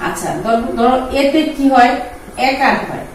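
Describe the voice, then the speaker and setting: A woman, teaching pronunciation, patiently repeating words slowly for her students. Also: sits high, lively intonation, recorded from a distance, a little hiss or hum. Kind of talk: explaining Bengali pronunciation lesson. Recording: echoey room, voice from off-mic.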